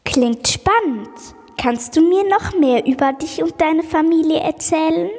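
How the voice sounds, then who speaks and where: A woman's voice: sits high, a little slow, darkish tone, in a large hall. A young speaker playing a curious time-traveling girl who asks eager questions and stumbles over her words. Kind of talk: children's school podcast role-play.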